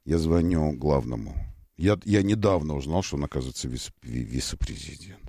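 A man's voice: a bass voice, animated, brisk, dark tone, husky, no room sound, studio quality. A man hosting a casual radio talk show, joking and ironic as he chats with his co-host. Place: radio studio.

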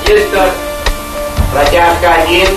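A man calls out launch commands slowly and tersely, his high voice coming through a crackling archival radio link. The sound is distant and echoey, as if heard from across a big room, with music playing underneath. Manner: terse, measured call-outs. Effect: crackling archival space radio link. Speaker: launch control operator. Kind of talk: clipped launch countdown commands.

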